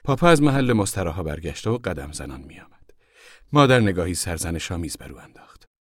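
Deep-voiced male audiobook narrator. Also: very animated, no echo, clean studio sound. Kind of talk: scripted narration.

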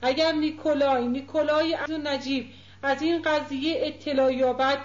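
A woman's voice: high-pitched, steady tone, natural voice. A woman reading a storybook voicing an anxious young woman who questions and pleads, in a dull echoey recording. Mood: troubled.

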